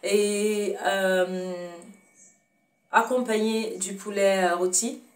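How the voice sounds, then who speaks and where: Speaking very slowly with a flat delivery and medium pitch, a woman from Cameroon with a Cameroonian French accent hosts a casual cooking demonstration in her home kitchen. She hesitates, relies on fillers, corrects herself often, and speaks fondly to viewers. She was recorded from a distance.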